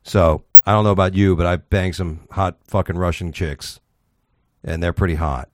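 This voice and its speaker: A man with a lowish voice chats in crude, opinionated banter, swearing freely and often breaking into laughter. The sound is dry and close, with no room around it. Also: steady tone, normal speed, no room sound.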